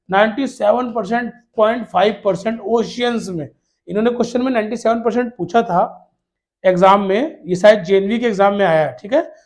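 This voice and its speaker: A male teacher giving an exam-prep lesson to children, addressing them fatherly as "beta" and asking questions he answers himself, repeating key words. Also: very high voice. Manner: calls students "beta" in a fatherly way.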